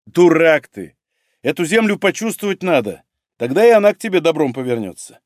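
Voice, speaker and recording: Brash middle-aged hospital chief, voiced by a man, coarse and bossy, lively pitch. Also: brisk, no echo, clean studio sound. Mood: scolding. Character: loud brash middle-aged female head doctor.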